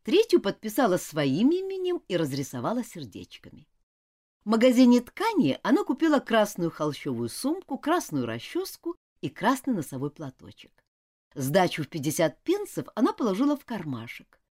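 A woman's voice: mid-range voice, wildly swooping pitch, moderate pace, darkish tone. A woman narrating a children's storybook aloud, voicing all the characters expressively.

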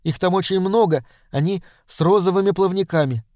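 A man voicing an eager little girl on a starship, speaking softly and pleading. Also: high-pitched, fairly quick, dry recording, studio quality, pitched above the performer's own voice, close to an everyday voice. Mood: wondering.

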